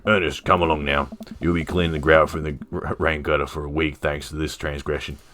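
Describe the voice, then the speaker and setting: A man voicing a laid-back, gruff dad from a dating game in a deep, dry, deadpan voice. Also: a little fast, soft background music.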